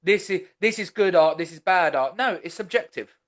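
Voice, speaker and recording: A man's voice: high voice, expressive, moderate pace, a crowd in the background. A man hosting a podcast, talking in casual chat, rambling and chatty with many restarts. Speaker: podcast host.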